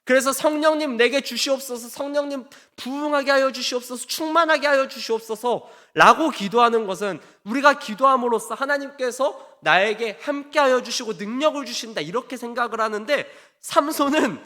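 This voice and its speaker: A man preaching a Wednesday evening sermon as pastor, chatty and animated, quizzing his congregation and acting out quoted lines. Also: high voice. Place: church sanctuary. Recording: long church hall reverb.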